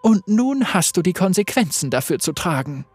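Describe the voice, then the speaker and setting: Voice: mid-range voice, big pitch swings, moderate pace, soft background music, close to an everyday voice. A narrator voicing a stern veiled spirit judge. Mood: menacing. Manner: cold, piercing, judging. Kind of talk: read-aloud storytelling.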